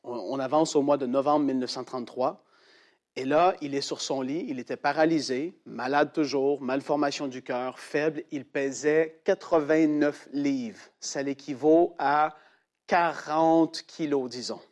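A man preaching, telling a testimony dramatically and acting out the quoted voices. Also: a little slow. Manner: animated storyteller who acts out quoted voices in a much higher pitch. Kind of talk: sermon storytelling.

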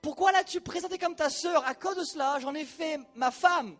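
A man's voice: extremely high pitch, normal speed, fairly bright tone, faint music behind. A man voicing an exasperated ancient king who scolds bluntly in slangy everyday speech. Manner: colloquial, blunt.

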